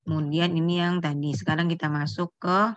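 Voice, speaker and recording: A woman's voice: low-pitched, little pitch movement, a little fast, no room sound. A middle-aged woman lecturing students on neurology, explaining terms step by step, quizzing the class and correcting herself mid-phrase. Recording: dull lo-fi lecture recording.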